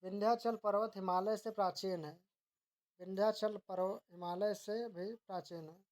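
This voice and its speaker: Woman, teacher, grammar drill, reads sentence pairs, steady and measured, self-corrects now and then. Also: mid-range voice. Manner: occasional self-corrections mid-word.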